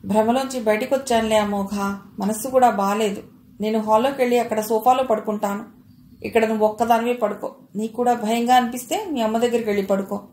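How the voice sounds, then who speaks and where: A woman reading aloud and voicing a suspicious, sharp-tongued older mother-in-law who scolds and accuses, with a slightly high voice in a roomy space. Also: steady tone, fast, natural voice. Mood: scolding. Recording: roomy echo.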